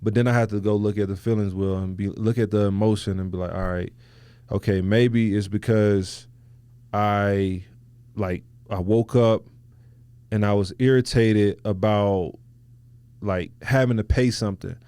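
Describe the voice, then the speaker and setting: A man's voice: lowish voice, steady tone, unhurried, dark tone, smooth, dry recording. A man hosting a podcast, talking reflectively in loose, slangy, casual conversation. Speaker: podcast host.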